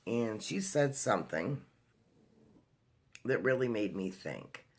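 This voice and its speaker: A man's voice: lowish voice, lively intonation, slow, slightly rough. A man talking in a casual video diary, telling a personal story in a chatty way with lots of fillers and restarts. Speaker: vlogger.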